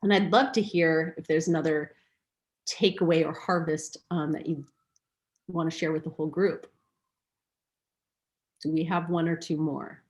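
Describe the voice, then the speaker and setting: A woman's voice: deep voice, steady tone, normal speed, pauses often, darkish tone. A woman hosting a workshop webinar, talking in a flowing, filler-heavy way and acting out quoted voices. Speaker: workshop host. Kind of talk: webinar teaching.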